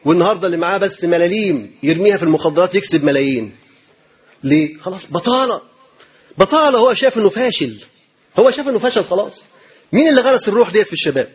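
An Egyptian man delivers a sermon at a quick clip, his voice high and husky. He drives his points home with rhetorical questions and repetition. The recording is dull and lo-fi. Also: expressive. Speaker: sheikh giving a religious lecture. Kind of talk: colloquial sermon.

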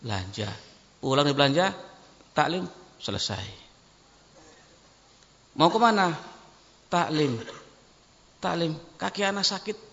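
A male preacher, giving an animated sermon and acting out the people in his stories. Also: high voice. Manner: animated, acts out dialogue in shifting voices. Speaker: ustadz preacher. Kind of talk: sermon with storytelling. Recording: muffled, echoey hall recording.

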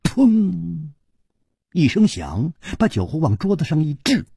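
A husky male voice telling a martial arts tale slowly and dramatically. His pitch swings widely for effect. The sound is dry and close. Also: huge pitch swings, mellow, no room sound. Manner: dramatic, vivid storytelling. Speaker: storyteller. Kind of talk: Chinese storytelling narration.

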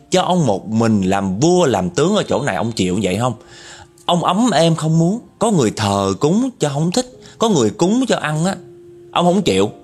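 Man doing angry young man, scolding, husky, lively pitch. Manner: angry, scolding, higher and louder.

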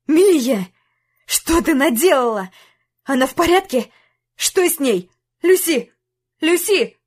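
A woman reading an audiobook voices a grief-stricken, furious young husband who shouts and accuses. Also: a little high, a little slow. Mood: anguished shouting. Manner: shouting, anguished.

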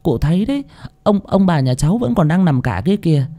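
A man's voice: fairly high pitch, big pitch swings, a little fast, warm tone, voice pushed up. A man voicing a flustered young female house servant who stammers as she talks.

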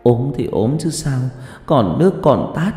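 A man's voice: mid-range voice, sing-song, unhurried, warm tone, voice pushed up. A man voicing a distraught middle-aged mother crying out in anguish and blaming herself, with echo and faint music behind. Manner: anguished and questioning. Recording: echoey reverb with faint music.

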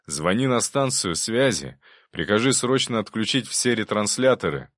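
A man voicing a cunning male aide who speaks curtly and deliberately, giving cold commands. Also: expressive, fairly bright tone, no echo, clean studio sound. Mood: sly. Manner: curt, commanding, low and deliberate.

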